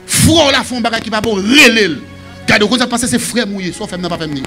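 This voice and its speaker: A man with a Haitian accent preaching a sermon as pastor, shouting and singing some phrases. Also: high voice, a little fast, over music. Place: church.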